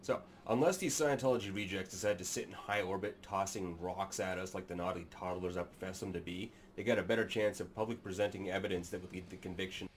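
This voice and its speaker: Deep and steady in tone, this man speaks fast with hardly any pauses over background noise. He's a thirtysomething sci-fi narration channel host seated in a small room, offering sardonic, crude, mock-serious remarks to his webcam.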